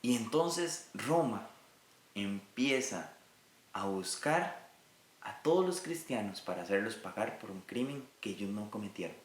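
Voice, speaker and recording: A man's voice: on the low side, lively intonation, measured pace, roomy sound. A man from Rica, teaching a recorded Bible lesson in an earnest way and speaking directly to his listeners. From Costa Rica.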